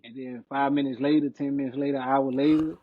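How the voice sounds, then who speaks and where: A man's voice: mid-range voice, steady tone, quick pace, husky, no echo, phone-quality sound. A man co-hosting a casual podcast chat, telling stories emphatically and heatedly, with slang. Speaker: podcast co-host.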